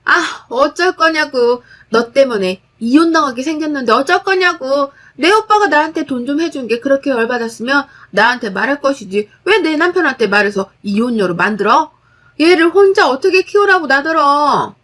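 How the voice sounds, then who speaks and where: A hysterical young sister-in-law, acted by a woman narrator, hurls accusations in a high, strained voice. She sounds frantic and spoiled. Heard in a dramatized story. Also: expressive, normal speed, fairly bright tone. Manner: shrieking, accusing.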